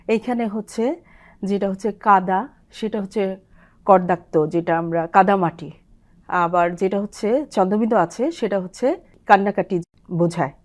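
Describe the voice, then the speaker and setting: A woman's voice: medium pitch, darkish tone. Woman teaching pronunciation. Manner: explains with spoken word examples, drawn-out sounds and recited verse. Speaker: language expert guest. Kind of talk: explaining Bengali pronunciation on a TV program.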